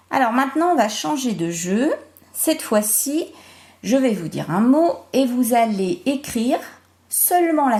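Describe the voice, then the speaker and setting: Woman, primary teacher, remote phonics lesson; unhurried, animated pitch, deliberate letter-by-letter delivery. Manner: slow, deliberate, spells out syllables and sounds.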